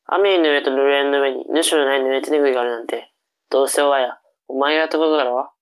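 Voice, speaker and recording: Cocky big brother, played by a woman: low-pitched, teasing, for comic tongue-twister reading drama. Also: steady tone, fast, smooth.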